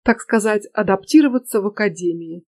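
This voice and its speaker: A woman's voice: medium pitch, brisk, mellow, natural voice. A woman voicing a cocky, brash young female student who teases in a sassy, slightly raised voice. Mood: teasing. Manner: teasing, sassy.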